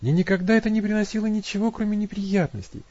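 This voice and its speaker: A man's voice: high-pitched, fast, a little mellow, no room sound, dull audio, voice pushed up. A man voicing a simple, stubborn young woman who pleads in a raised, plaintive voice in an audiobook.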